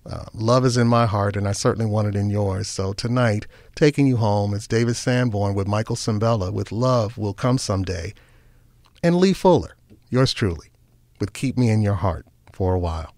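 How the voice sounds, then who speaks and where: Smooth, playful late-night radio host, a man. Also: on the low side, moderate pace, darkish tone, dry recording. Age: 40s. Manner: smooth, playful announcer delivery. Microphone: studio microphone.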